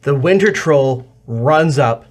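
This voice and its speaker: A man's voice: mid-range voice, expressive, takes it slowly. Man running a tabletop game, matter-of-fact. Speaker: dungeon master.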